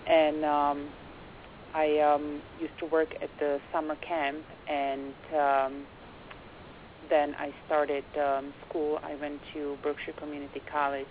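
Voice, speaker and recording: A young woman from the Czech Republic with a Czech accent, a quiet, soft-spoken guest on a radio interview who hesitates often with fillers. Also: sits low, completely flat delivery, slow pace. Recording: phone-like band, faint hiss.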